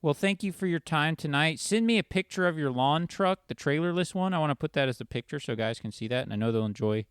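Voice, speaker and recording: Clear-voiced man hosting a casual podcast. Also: on the high side, lively intonation, quick pace, few pauses, dry recording, clean studio sound. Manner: informal, chummy. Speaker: podcast host. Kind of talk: casual chat.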